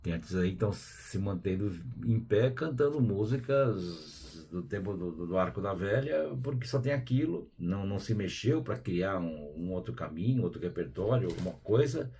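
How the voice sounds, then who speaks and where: A man with a Brazilian Portuguese accent hosting a spiritual program, talking in a relaxed, conversational way with frequent tag questions and quiet asides. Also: low-pitched, normal speed, hardly any pauses, slight background noise. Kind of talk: casual spiritual talk.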